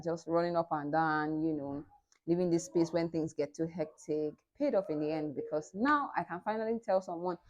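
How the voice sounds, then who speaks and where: Chatty Nigerian woman, lower voice. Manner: chatty, playful and boastful, jumps back and forth in pitch. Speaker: book vlogger. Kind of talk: casual vlog chat to camera.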